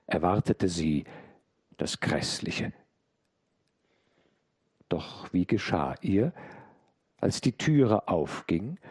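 Male audiobook narrator, husky, slow and very expressive, dry close sound. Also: lowish voice, no echo. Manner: dramatic, expressive reading. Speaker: audiobook reader. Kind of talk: scripted narration of a classic novella.

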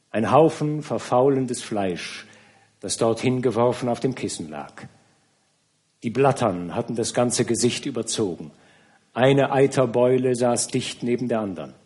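A man reading a classic novel aloud as an audiobook narrator, measured and grave. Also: medium pitch, a little mellow.

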